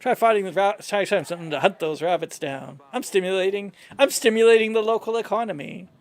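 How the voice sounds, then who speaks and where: A man's voice: sits high, fast talker. A man casually commenting on a video game, joking and improvising as he plays. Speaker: gamer reading and reacting to a game.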